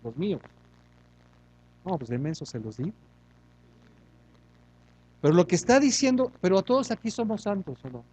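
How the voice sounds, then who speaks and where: A man pastor delivers a sermon in a high but mellow voice. He fires off rhetorical questions and pokes fun at himself. His delivery is animated and conversational. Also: moderate pace, pauses often, husky, low-quality recording. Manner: animated, rhetorical questions, self-mocking humor.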